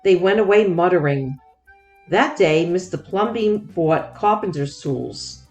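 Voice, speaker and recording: Slow, lively woman reading a storybook. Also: fairly low pitch, faint music behind. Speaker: children's book read-aloud host. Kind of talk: expressive storybook narration for young children.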